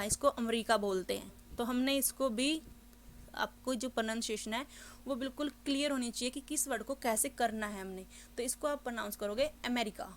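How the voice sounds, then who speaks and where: A woman teaching an English exam lesson, explaining step by step and reading sample passages slowly and deliberately. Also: on the high side, slight background noise.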